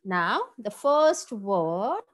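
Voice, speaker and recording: A young woman with an Indian English accent teaching a kindergarten class online, explaining slowly and switching between Hindi and English. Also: medium pitch, sing-song. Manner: slow, drawn-out explaining, mixing Hindi and English.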